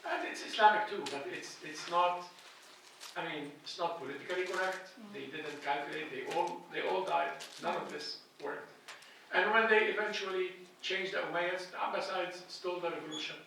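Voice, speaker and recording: Middle-aged male lecturer from Egypt, earnest and restarting often; bright, gravelly, slightly high voice in a reverberant hall. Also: moderate pace, slight background noise. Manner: earnest, thinking aloud with frequent restarts. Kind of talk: classroom lecture. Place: lecture hall with a projected slide. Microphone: handheld mic at a lectern, filmed from a distant camera. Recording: echoey hall from far off.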